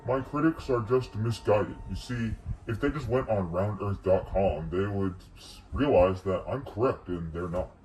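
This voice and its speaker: A man's voice: on the low side, normal speed, hardly any pauses, darkish tone, recorded from a distance, a little hiss or hum, rough recording. A man playing a smug masked cult leader, speaking through a voice changer in a mock documentary interview, hesitant and condescending. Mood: dismissive.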